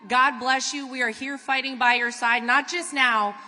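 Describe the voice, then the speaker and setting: A woman's voice: sits high, fairly even intonation, moderate pace, sharp tone. An American woman giving an earnest political rally speech in a large venue. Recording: reverberant large venue, faint noise.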